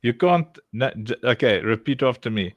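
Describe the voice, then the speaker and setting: A man's voice: medium pitch, lively intonation, moderate pace, dry recording. A man hosting a casual livestream chat, joking and teasing his guests and coaching them to repeat words. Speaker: livestream host.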